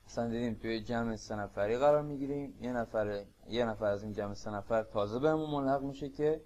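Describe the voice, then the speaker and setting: A Persian-accented man teaching a beginner language lesson, explaining patiently and repeating phrases slowly. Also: mid-range voice, darkish tone, lo-fi sound, a little hiss or hum. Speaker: Spanish teacher.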